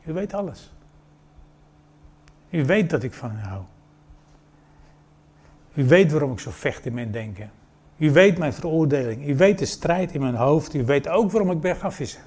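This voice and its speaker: Dutch-speaking male preacher, animated storytelling. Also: fairly high pitch, normal speed, slightly rough. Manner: animated storytelling, acting out quoted dialogue. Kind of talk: sermon.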